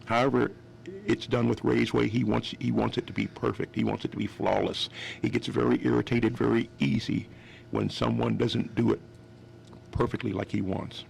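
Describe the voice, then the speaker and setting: A man's voice: mid-range voice, flat delivery, normal speed, vocal fry, a little mellow, slight background noise. A man in his fifties from West Virginia telling stories as a guest on a radio interview, rambling and restarting his sentences often. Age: 50s. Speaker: guest musician.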